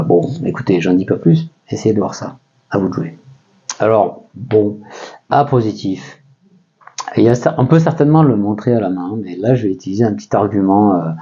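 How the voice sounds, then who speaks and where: Man, French accent, math teacher, low voice, casual lesson, many fillers, slightly muffled recording. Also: mellow. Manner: casual, thinks aloud with many fillers and checks on listeners.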